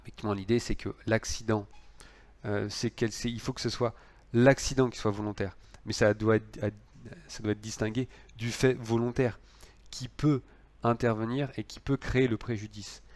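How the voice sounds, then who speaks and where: A man with a lowish voice lectures on law. He explains step by step, often hesitating and restarting his sentences as he works through each point. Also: a little mellow.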